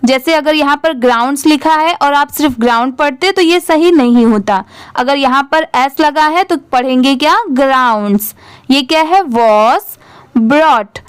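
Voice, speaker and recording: A woman with a high-pitched, slightly slow voice gives an English reading lesson in a dry recording. She spells each word letter by letter, asks the class how it's read, then blends the letters and answers herself.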